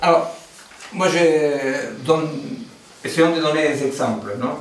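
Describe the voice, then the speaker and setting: Taking it slowly in a voice on the high side, a man from Argentina lectures at a philosophy seminar, wandering into digressions and leaning on fillers and the rhetorical "n'est-ce pas." A distant mic captures the roomy sound along with a little hiss or hum.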